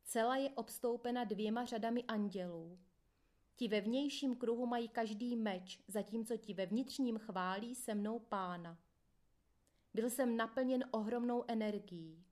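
A woman narrating a first-person memoir in a steady, plain reading voice. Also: fairly high pitch. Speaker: audiobook reader.

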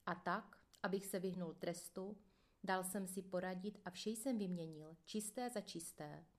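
A woman narrating a first-person prison memoir in a calm, measured audiobook reading. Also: on the low side.

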